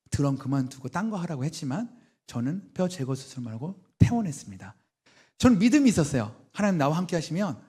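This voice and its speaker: A man in his thirties shares a personal testimony before a church congregation. His voice is slightly husky, and his pitch swings widely as he acts out the people in his story with strong emotion. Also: mellow. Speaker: guest testimony speaker, drummer.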